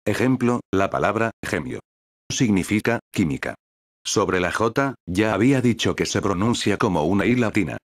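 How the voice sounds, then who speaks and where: A male text-to-speech voice reading a scripted educational narration in an even, synthetic cadence. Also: lowish voice, normal speed, dry recording, studio quality.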